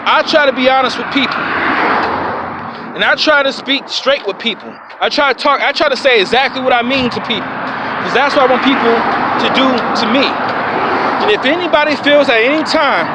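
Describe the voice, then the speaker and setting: A man giving a blunt, emphatic vlog rant, repeating his points. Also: very high voice. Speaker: vlogger. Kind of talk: ranting vlog monologue. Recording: noisy outdoor street with traffic.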